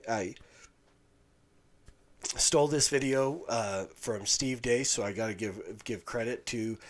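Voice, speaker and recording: A man hosting a podcast, giving a halting, indignant commentary with many restarts. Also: fairly low pitch. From Utah, USA. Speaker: podcast host. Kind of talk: casual commentary monologue.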